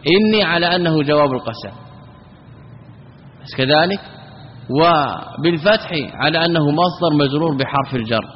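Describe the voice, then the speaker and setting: A man with a fairly high voice teaches a classical grammar lesson. He explains step by step and keeps asking questions that he then answers himself. The recording is dull and lo-fi, with a long reverb like a large hall. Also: animated, moderate pace, pauses often, a little hiss or hum.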